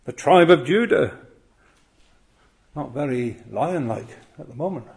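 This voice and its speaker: A man's voice: on the high side, animated, a little slow, creaky, a little mellow. A man preaching an expository sermon, earnest and full of rhetorical questions.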